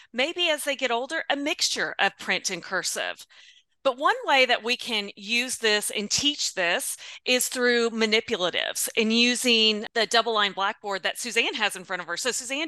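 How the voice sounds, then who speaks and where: Woman educator, friendly measured explainer, smooth crisp voice, dry sound on a video call. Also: a little high, bright, forceful tone, dry recording. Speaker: educator and co-presenter. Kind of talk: conversational presentation over video call.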